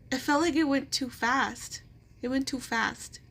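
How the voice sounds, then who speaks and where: A woman's voice: high-pitched, fairly bright tone. Rambling woman telling a story. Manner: rambling, full of "like" fillers and restarts. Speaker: vlogger. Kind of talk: casual storytelling.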